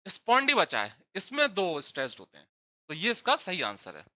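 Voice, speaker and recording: Animated male teacher, dry close sound. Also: sits high, fairly quick, no room sound. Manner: explains step by step, repeats key terms, asks and answers his own questions. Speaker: English literature teacher. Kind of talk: exam-prep lecture in Hindi with English terms.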